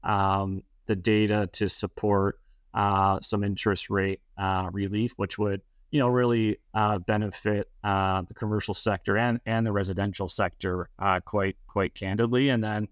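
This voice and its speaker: A Canadian man gives a podcast interview as a real estate advisor. He talks in a low, even, level tone and keeps restarting his phrases with lots of fillers. The sound is close and dry. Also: normal speed, no echo. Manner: hesitant, many fillers and restarts.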